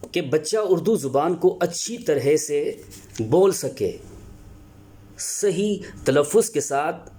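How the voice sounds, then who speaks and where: A Pakistani Urdu teacher lectures aloud about how to teach Urdu, his mellow, medium-pitched voice carrying a breathy edge. Earnest and explanatory, he often pauses with fillers and restarts his sentences.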